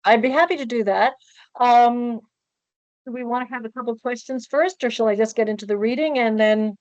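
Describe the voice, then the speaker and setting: A woman's voice: fairly high pitch, fairly quick, darkish tone, no room sound. An older woman with a soothing transatlantic accent and an elegant old-Hollywood way of speaking, answering questions as a guest on a video call. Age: older, 60s or above. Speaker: guest author and presenter. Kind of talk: conversational question-and-answer on a webinar. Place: book-lined room at home, on a video call. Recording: dull, lo-fi video call audio.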